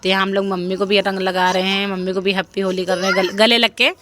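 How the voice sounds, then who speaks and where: Bright-voiced woman narrating her family vlog. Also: mid-range voice, little pitch movement, fast talker. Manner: chatty, pleads with viewers for comments. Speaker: family vlogger. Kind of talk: casual voice-over narrating home video.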